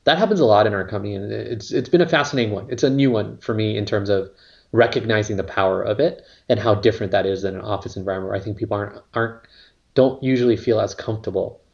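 A man's voice: on the low side, quick pace, gravelly. Rambling man on lo-fi audio. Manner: rambling, filler-heavy, swears casually. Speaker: company co-founder. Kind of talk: casual interview talk.

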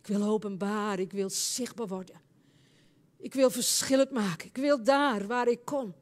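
A woman preaching and praying in a charismatic church service, speaking fervently and building into loud, impassioned prayer. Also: mid-range voice, moderate pace. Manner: speaks in tongues between prayers.

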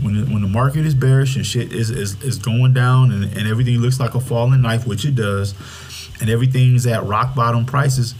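A man's voice: medium pitch, darkish tone. Blunt, cocky finance-bro man over music. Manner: blunt, streetwise, slangy, repeats phrases for emphasis. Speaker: retail investing commentator. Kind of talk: casual off-the-cuff market talk.

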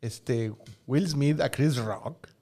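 A man's voice: medium pitch, very slow. A Mexican man co-hosting a podcast in casual chat, playful and joking. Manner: playful, animated, jokey asides. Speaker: podcast co-host.

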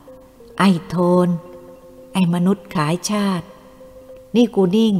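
A woman's voice: mid-range voice, slow pace, a little mellow, lightly acted. Brief: a woman playing a furious, fearless young captive, cursing, in a reverberant room with faint music. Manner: fierce, cursing, defiant.

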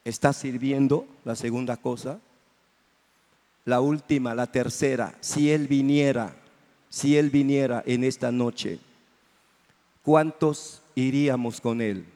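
A man's voice: mid-range voice, steady tone, slow, long pauses, mellow. A man preaching a fervent sermon as pastor, calling out to the congregation for amens. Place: church. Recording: reverberant church hall.

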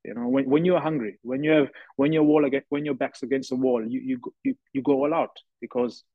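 A man in his thirties speaks as a podcast guest, earnest and reflective as he tells his story. The sound is dry, with no room around it, and slightly muffled. His pitch sits in an ordinary middle range. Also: steady tone, a little fast, no room sound. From South Africa. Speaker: guest, professional rugby player. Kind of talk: podcast interview. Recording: dry, slightly dull lo-fi audio.

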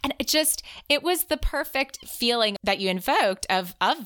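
A woman's voice: a little high, animated, moderate pace, fairly bright tone. A woman hosting a casual interview, chatty and rambling as she asks her questions. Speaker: podcast host.

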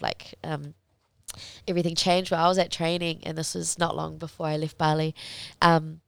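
A young woman fighter speaking as an interview guest, talking candidly in a halting, reflective way as she searches for words. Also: low-pitched, vocal fry, clean tone, no echo.

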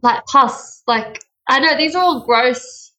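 In poor audio, a young Australian woman's high, sharp-toned voice comes through slowly. She's a bubbly, giggly interview guest in a casual chat, drawing words out for emphasis.

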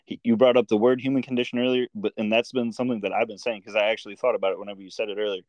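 An American podcast host from the Midwest talks in a fairly low, flat voice at a racing pace. His casual chat is loaded with fillers like "like" and "you know," and the darkish-toned audio has no echo.

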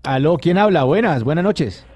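Radio co-host, teasing and playful, warm mellow voice. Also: male voice, fairly high pitch, expressive, moderate pace, breathy edge, faint music behind. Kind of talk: casual radio chat.

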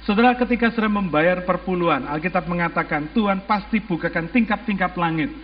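Preaching fast in a high voice, a man with an Indonesian accent urges his congregation on with emphatic rhetorical questions, slipping English phrases into his speech as their pastor. The audio is muffled and carries a long hall reverb.

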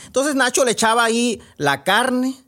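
A man's voice: extremely high pitch, big pitch swings, moderate pace, bright, forceful tone. A man from Sonora, telling a story in a conversational, meandering way. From Sonora, Mexico. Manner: conversational with frequent fillers and restarts. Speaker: podcast storyteller. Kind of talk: oral storytelling.

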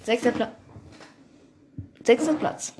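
A woman's voice: on the high side, takes it slowly, a little mellow, a little hiss or hum. A young woman chatting casually, giggling and playfully repeating words. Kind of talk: casual chat.

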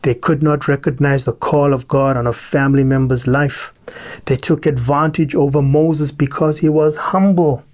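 A man preaching a sermon, reading scripture and stressing points with deliberate repetition. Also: on the high side, fairly even intonation, a little mellow. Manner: slow, deliberate, emphatic repetition.

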